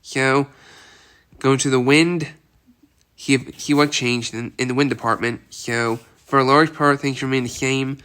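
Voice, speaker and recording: This weather video host has a cold that leaves his mid-range voice congested, though his tone stays steady, sharp and smooth at an unhurried pace. Presenting a casual outlook update, he wanders, restarting and repeating himself frequently.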